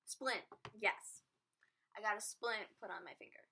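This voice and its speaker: Teen girl vlogger, crisp bright voice, rambling and self-deprecating. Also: medium pitch, measured pace, low-quality recording. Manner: chatty, self-mocking, giggly. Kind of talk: casual storytelling vlog.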